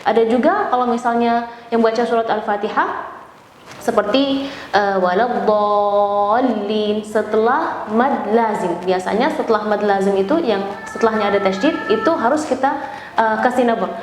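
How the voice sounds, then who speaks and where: A woman's voice: a little high, normal speed. An Indonesian-accented woman teaching Quran recitation, encouraging in manner, who over-enunciates and stretches syllables as she demonstrates. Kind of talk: recitation lesson with feedback and demonstrations. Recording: echoey room with faint background noise.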